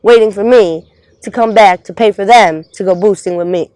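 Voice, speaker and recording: A woman's voice: mid-range voice, moderate pace, darkish tone, no room sound, low-quality recording. A woman in her twenties, born in Trinidad, speaking bluntly and swearing freely in an outdoor street interview. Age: 20s.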